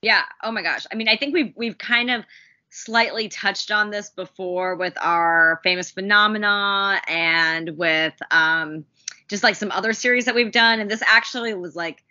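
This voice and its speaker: A woman's voice: mid-range voice, moderate pace, pushed and bright, lo-fi sound. A woman chatting casually as the co-host of a podcast.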